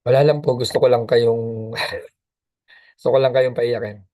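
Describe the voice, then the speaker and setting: A man's voice: mid-range voice, little pitch movement, unhurried, warm tone. A man giving an emphatic, preachy motivational business talk, calling the listener brother.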